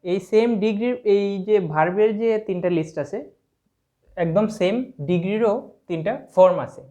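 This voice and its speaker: With a warm, high voice and an unhurried pace, this Sylheti Bengali-accented teacher walks through English grammar one step at a time. He spells words letter by letter. The lo-fi recording sounds dull.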